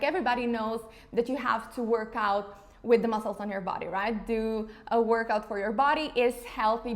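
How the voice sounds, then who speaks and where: A woman in her thirties from Slovenia, an English speaker, chatting casually in an interview with frequent fillers like "you know". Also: on the high side. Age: 30s. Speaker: interview guest, face yoga founder.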